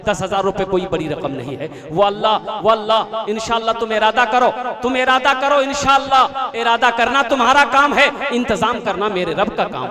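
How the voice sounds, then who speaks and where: High-voiced preacher making rhythmic appeals. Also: male voice, fairly quick, few pauses. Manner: repetitive rhythmic appeals, leads slogans. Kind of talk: fundraising sermon at a religious gathering. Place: outdoor religious gathering. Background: crowd responses.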